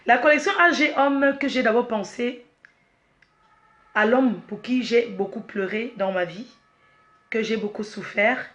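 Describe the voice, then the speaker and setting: A woman, the head of her company, presenting a product launch slowly, repeating herself, restarting, and apologizing while she is emotional and choked up. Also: fairly high pitch, a bit bright, highs cut off. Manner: slow, repetitive, with frequent restarts and apologies.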